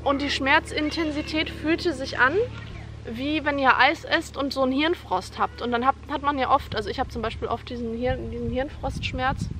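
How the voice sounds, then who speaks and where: Young woman w a high voice telling a dramatic story at home, lots of noise behind her. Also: a bit bright. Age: young adult. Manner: vivid, dramatic retelling, acting out her own screams and quoting others. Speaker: vlogger. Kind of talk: personal birth story told to camera.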